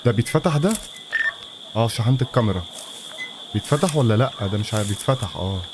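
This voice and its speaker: With heavy noise in the background, a man speaking with an Egyptian Arabic accent comments on a horror game he's playing for his channel. He talks fast in a lowish, lively voice, muttering nervously and jumpily to himself.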